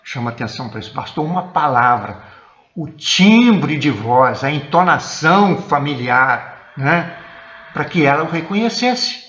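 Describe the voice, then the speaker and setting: A man's voice: on the high side, lively intonation, unhurried, fairly bright tone, lo-fi sound. Brazilian man teaching a sermon in an echoey church. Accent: Brazilian Portuguese. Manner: explanatory, often checks in with the listeners. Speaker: church elder preaching. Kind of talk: teaching sermon for an online service. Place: church, indoors.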